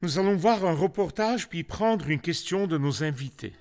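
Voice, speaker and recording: A man's voice: on the high side, animated, moderate pace, a little mellow, soft background music. A man hosting a Bible discussion, asking questions and quoting verses. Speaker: host.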